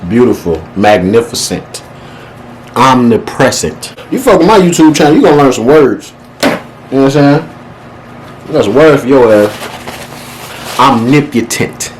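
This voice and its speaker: A man talks casually as he eats, his pitch swinging freely from line to line. He is playful and exaggerated, full of slang and swearing. Light background noise sits behind his voice. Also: lively intonation, brisk, long pauses, a little mellow, rough recording. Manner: talks while eating. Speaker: vlogger hosting a mukbang. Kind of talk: casual, profane eating-show chat.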